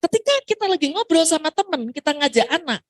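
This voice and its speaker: At a parenting seminar, a woman from Surabaya, Indonesia answers an audience question in a lively way, acting out what parents and children say. She talks quickly in a high voice.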